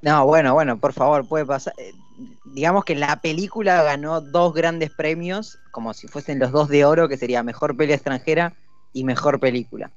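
A man's voice: on the high side, moderate pace, no room sound. A man with an Argentine accent hosting a casual podcast chat, joking and dropping lots of filler sounds. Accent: Argentine Spanish. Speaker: podcast host. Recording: dull lo-fi dry audio, faint music.

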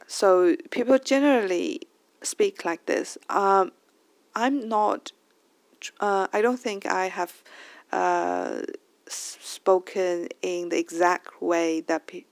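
A woman with a Chinese accent hosts a casual lesson on spoken English, pausing often with fillers and restarting her sentences. Her voice sits low and has a gravelly fry to it. The recording is dry and close, and she sings out stressed syllables when demonstrating rhythm. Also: no echo. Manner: thinks aloud with many fillers and restarts. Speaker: host of language tips show.

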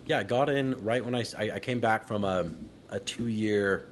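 A man with a notably low voice tells stories from his early years as an interview guest. He grew up in Utah and talks in a casual, animated way, often laughing and slipping into the voices of people he quotes. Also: moderate pace, slight background noise. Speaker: guest, company founder.

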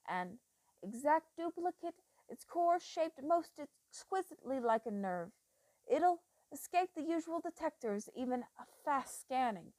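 A woman voicing a treacherous old male doctor who talks in low, slow, intense murmurs that flare into sudden loud bursts. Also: very animated, dry recording. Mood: menacing, obsessive.

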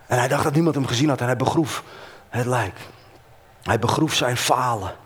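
A man preaching a sermon, telling a Bible story with animated delivery and dramatic pauses. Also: mid-range voice, slightly rough.

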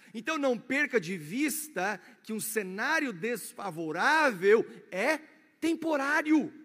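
A man with a Brazilian accent preaching a sermon as pastor, swinging between loud declarations and hushed asides. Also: high-pitched. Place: church. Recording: echoey church hall.

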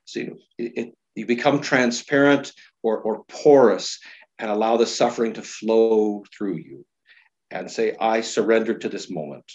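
A man, a pastor, talking earnestly and thoughtfully in a podcast conversation, slowing down to stress key words. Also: on the low side, a little mellow, muffled recording.

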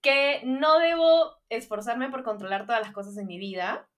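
A young woman guest in casual podcast chat, relaxed and laughing easily. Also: fairly high pitch, normal speed.

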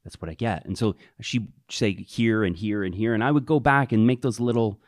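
Male podcast host, lowish voice, loose conversational delivery, dry close mic. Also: brisk, no echo. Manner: loose, filler-heavy questioning. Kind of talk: casual interview chat.

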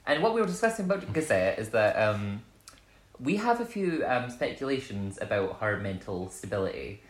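A man's voice: mid-range voice, normal speed. Scottish drag queen, playful, voice all over the place, echoey room. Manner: animated, playful, giggly. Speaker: podcast co-host, drag queen. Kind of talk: casual chat. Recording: roomy echo.

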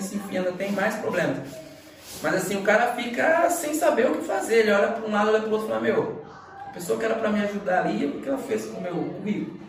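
Earnest man telling a story in an echoey room. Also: high voice. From Bahia, Brazil. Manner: earnest, acts out dialogue, repeats words when moved. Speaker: Portuguese teacher and school director, podcast guest. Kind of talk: emotional personal storytelling. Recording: very echoey room, voice far from mic.

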